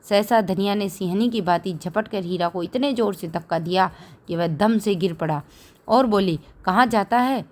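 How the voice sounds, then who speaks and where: Woman teacher, expressive read-aloud of a novel for a class lesson. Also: medium pitch, normal speed. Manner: expressive reading, voices raised for quoted quarrels.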